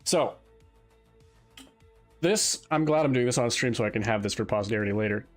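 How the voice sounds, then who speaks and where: A man's voice: mid-range voice, moderate pace, soft background music. Young man streaming, chatty. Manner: exasperated, storytelling with frequent restarts and laughter. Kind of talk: casual chat while live streaming.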